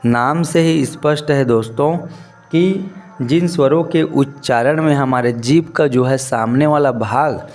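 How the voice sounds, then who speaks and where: A male teacher giving a lesson, who asks his students questions, answers them himself and repeats key terms slowly. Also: medium pitch, a little mellow. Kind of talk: classroom-style lesson.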